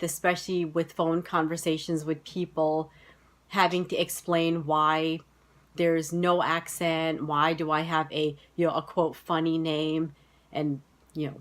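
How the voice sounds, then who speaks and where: In a laid-back vlog, a thirties-aged American woman with a General American accent shares personal stories to camera. Her voice sits low with a slight brightness, and she chats freely, sprinkling in plenty of "you know" and "like."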